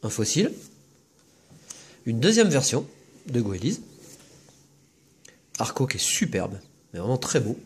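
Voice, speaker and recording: Husky-voiced man chatting through card openings. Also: mid-range voice, sing-song. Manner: chatty, listing cards with quick comments. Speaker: host opening trading card packs. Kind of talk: casual card-opening commentary.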